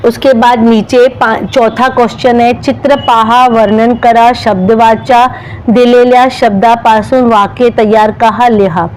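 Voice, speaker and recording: A woman's voice: fairly high pitch, steady tone, measured pace, darkish tone, slight background noise, low-quality recording. A woman teacher, spelling out syllables one by one and speaking directly to young children in a step-by-step lesson.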